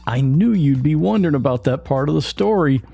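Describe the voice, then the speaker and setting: A man's voice: on the high side, animated, brisk, gravelly, warm tone, breathy edge. A man hosting a podcast, speaking casually and directly to his listeners. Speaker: podcast host. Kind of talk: interview and scripted outro.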